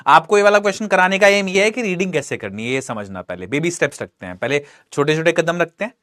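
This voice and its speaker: Male teacher, exam prep lesson, lively pitch, talks students through questions. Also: fast. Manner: animated, coaxing, asks and answers his own questions. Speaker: English teacher.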